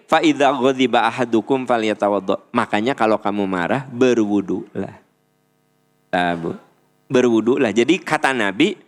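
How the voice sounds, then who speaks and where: A middle-aged man with a Sundanese accent giving a playful, animated religious lecture as a preacher. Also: medium pitch. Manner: animated, playful, acts out little dialogues. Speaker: Islamic preacher.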